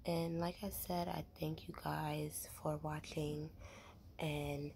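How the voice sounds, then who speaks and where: A young woman rambling in a soft, half-whispered ASMR voice while chewing gum, with lots of fillers, close to the mic. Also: sits low, flat delivery, slow pace, gravelly, slight background noise. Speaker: ASMR creator.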